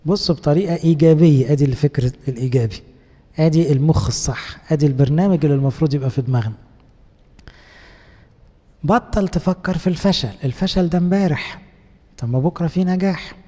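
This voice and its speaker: An Egyptian priest preaches in a relaxed, colloquial way, coaxing his listeners with rhetorical questions. His voice sits a little high but sounds mellow and dark. A long church reverb trails after each phrase. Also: quick pace, pauses often. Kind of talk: conversational sermon.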